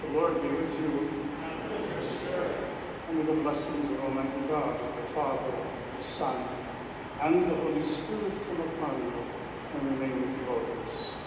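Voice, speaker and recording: A man's voice: medium pitch, measured pace, very noisy. A man leading the closing prayer and blessing at Mass as a priest, intoning solemnly and steadily, his voice ringing in a cathedral echo. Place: large church. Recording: echoey church hall, distant mic, loud ambience.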